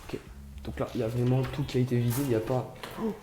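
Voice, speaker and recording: A man's voice: medium pitch, fairly even intonation, fast, warm tone, echoey room. A man giving casual, slangy running commentary as he explores a place, speaking to his viewers with awe. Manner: slangy, awestruck, addresses viewers. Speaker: vlog host. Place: exploring inside and around an abandoned building. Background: music.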